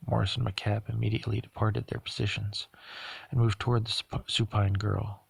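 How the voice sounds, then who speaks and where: A man narrating a novel aloud at a steady pace, sometimes stumbling over a word and correcting himself. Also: fairly low pitch, normal speed, vocal fry, husky, dry recording. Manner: steady reading with occasional stumbles and self-corrections. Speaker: audiobook reader. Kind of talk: audiobook narration.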